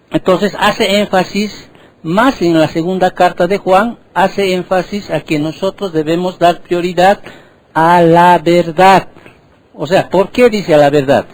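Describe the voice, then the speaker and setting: A male pastor preaching a sermon in a voice sitting a little high for a man. He keeps turning to the congregation with questions and repeats words to hammer home each point. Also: darkish tone, rough recording.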